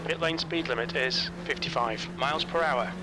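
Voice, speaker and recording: A man giving terse, clipped pit radio calls as a race spotter and engineer, flat and matter-of-fact. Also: on the high side, moderate pace. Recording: loud engine and car noise.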